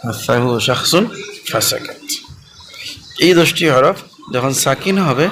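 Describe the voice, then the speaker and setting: A man teaching a Quran recitation lesson. He repeats every point, quizzes the listeners and spells out letter sounds slowly. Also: medium pitch, animated, noisy background. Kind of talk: classroom lesson.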